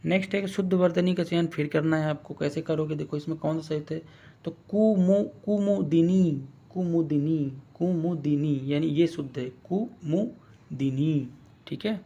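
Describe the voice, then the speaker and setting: A man teaching an exam-prep lesson in a casual spoken style, quizzing his viewers and slowly stretching out words to spell them. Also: a little high, fairly even intonation, creaky, dark tone, highs cut off.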